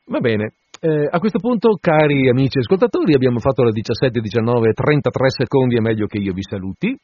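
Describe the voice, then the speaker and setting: A male radio host reading a novel aloud with theatrical expression, then chatting to listeners in relaxed asides. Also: medium pitch, fast talker, breathy edge, no echo. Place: radio studio. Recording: dull dry radio broadcast.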